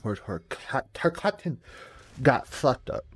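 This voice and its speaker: A man reacting to a video game trailer in casual commentary, swinging between low mumbles and loud excited outbursts. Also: a little slow, husky. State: cold and shivering, early morning. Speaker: reaction streamer.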